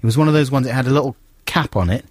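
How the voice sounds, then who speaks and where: A man's voice: mid-range voice, racing, darkish tone, husky, no room sound. A man co-hosting a radio show, rambling and self-mocking in casual chat. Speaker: radio co-host. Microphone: studio mic. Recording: dry studio sound.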